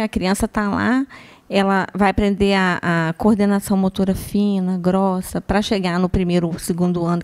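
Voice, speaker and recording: A woman, an educator explaining things in a teacherly way during a casual chat. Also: lowish voice.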